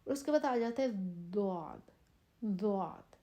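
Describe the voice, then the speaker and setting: A woman teacher with a Pakistani Urdu accent, explaining letter sounds patiently in short phrases and stretching out slow model words. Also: medium pitch, animated, mellow. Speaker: Quran reading teacher. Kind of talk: step-by-step pronunciation lesson.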